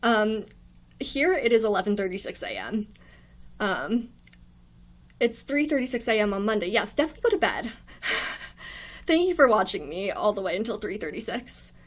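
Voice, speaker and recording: A shy, quiet young woman with an American accent, chatting casually on a livestream from her dorm room, reading viewer comments aloud with lots of ums and little laughs. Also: medium pitch, very animated, moderate pace, long pauses. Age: young adult. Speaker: livestream host.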